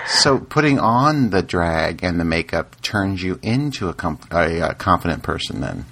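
Husky, lively male podcast host. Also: low voice, moderate pace. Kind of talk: casual interview.

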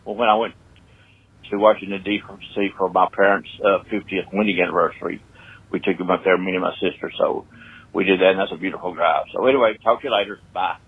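An older man talks loosely and chuckles through a voicemail. His voice sits low and husky. The phone line makes it thin and tinny. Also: steady tone, fast talker. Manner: rambling, chuckling, loose and chatty. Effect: voicemail played over a phone line. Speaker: caller leaving a voicemail. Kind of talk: casual phone message.

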